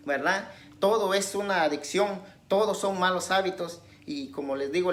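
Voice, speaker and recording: A woman preacher giving a conversational sermon, constantly checking in with her listeners and alternating loud emphatic questions with quiet asides. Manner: conversational, tags nearly every phrase with a questioning aside; swings between raised emphatic questions and low asides.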